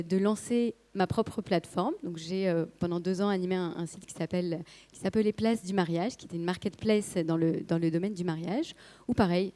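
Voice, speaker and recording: A woman with a hoarse voice that is giving out, speaking hesitantly as a guest telling a company story at a conference. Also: fairly low pitch, dark tone. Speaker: company co-founder and marketing director, guest speaker.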